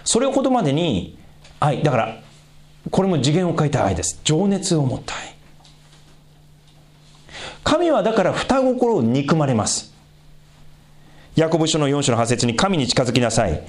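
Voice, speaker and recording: A male pastor preaching in an easy, conversational way. His pitch rises and falls sharply as he stresses points. He turns to the congregation with questions between points. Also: moderate pace, pauses often. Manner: lively pitch swings for emphasis. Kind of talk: sermon.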